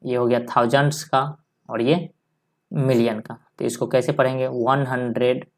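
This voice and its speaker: A male maths teacher giving a step-by-step lesson, dictating slowly and repeating each number as he writes it. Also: mid-range voice, fairly even intonation, darkish tone. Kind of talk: step-by-step lesson while writing on a board.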